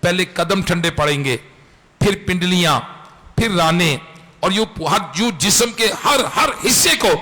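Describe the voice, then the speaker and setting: A man preaching an impassioned sermon in a mosque, repeating phrases for emphasis and bursting into shouts. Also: sits high. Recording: echoey hall with long reverb.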